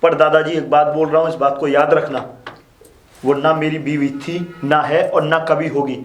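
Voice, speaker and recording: A man's voice: a little high, level tone, normal speed, a little hiss or hum, lightly acted. An actor playing a defiant young grandson who argues earnestly with his grandfather. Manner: earnest, arguing. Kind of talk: low-budget Hindi drama acting. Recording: echoey room.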